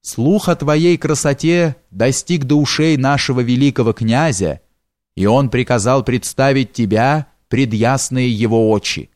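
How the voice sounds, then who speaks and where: A man's voice: mid-range voice, unhurried, a little mellow, no room sound, studio quality, lightly acted. A man voicing a sly, wheedling old abductor. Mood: coaxing. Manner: wheedling, coaxing with endearments.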